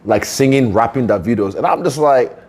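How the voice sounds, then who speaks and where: A man co-hosting a casual chat, animated and slangy and quick to swear. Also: mid-range voice. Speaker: co-host.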